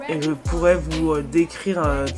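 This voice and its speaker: Woman with an eastern French accent, casual music chat, low-ish voice, rambling and slangy, music bed clearly audible. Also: unhurried. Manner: slangy, excitable, rambling with many fillers. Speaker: music YouTuber. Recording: music playing clearly behind the voice.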